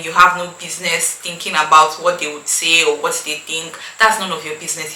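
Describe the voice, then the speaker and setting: Deep, pushed and bright, the voice belongs to a woman with a Nigerian accent who hosts an opinionated YouTube channel, talking casually and emphatically to camera. The recording has an echoey room sound and faint background noise.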